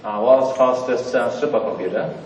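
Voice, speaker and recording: With a medium-pitched, darkish voice at a moderate pace, a man gives a joking conference talk in a large theater, using simple non-native phrasing and lots of fillers. The audio, picked up from far off in the audience, is dull and roomy with a little hiss or hum.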